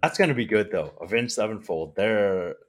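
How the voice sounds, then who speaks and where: A man's voice: fairly low pitch, normal speed. An exhausted man co-hosting a music review podcast, chatting casually and rambling with lots of "like.". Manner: relaxed, rambling with many "like" fillers. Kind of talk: casual chat.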